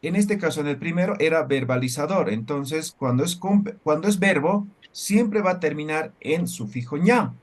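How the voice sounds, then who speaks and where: A man's voice: on the high side, lively intonation, moderate pace, hardly any pauses. A man teaching a language class. He explains step by step and keeps checking with the students through short questions. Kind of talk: classroom lecture.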